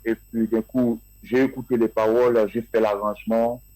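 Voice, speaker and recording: A man being interviewed about his music, answering in a halting way with many fillers and restarts. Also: medium pitch, level tone, mellow, no echo, low-quality recording. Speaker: guest musician.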